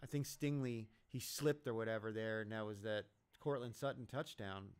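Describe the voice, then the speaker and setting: A man's voice: lowish voice, normal speed, clear, resonant tone. Blunt, profane man reacting to football. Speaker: sports betting stream host. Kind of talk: casual live game commentary.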